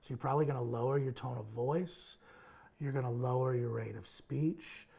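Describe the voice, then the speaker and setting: Man, parenting advice host, gravelly voice, slightly husky, talks straight to parents, step-by-step explanations. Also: mid-range voice, normal speed, mellow. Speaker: child behavior clinician hosting a parenting advice show. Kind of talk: direct-to-camera parenting advice talk.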